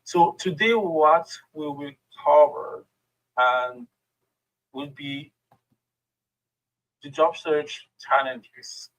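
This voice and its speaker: A middle-aged French man, speaking with a French accent in his native tongue's shadow, gives a friendly workshop talk over a video call as a guest speaker, peppered with fillers. His voice is fairly high and he draws out his words, leaving long pauses. The recording is rough.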